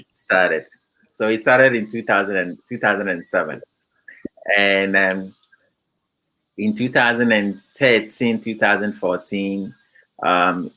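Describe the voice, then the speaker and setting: Slow, bright-voiced man from Ghana. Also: fairly low pitch, poor audio. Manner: measured, hesitant, many fillers. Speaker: company founder. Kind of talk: interview answers, explaining a product.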